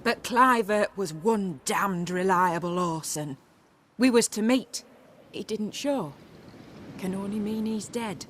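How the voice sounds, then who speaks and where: A woman's voice: mid-range voice, slow, slight background noise, close to an everyday voice. An actress voicing a brash, foul-mouthed female gang leader. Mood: cocky, scheming. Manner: cocky, mocking.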